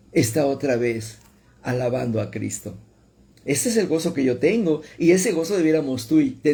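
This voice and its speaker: A man's voice: mid-range voice, gravelly, mellow. A man preaching a radio sermon, telling a story and repeating phrases for emphasis. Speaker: pastor.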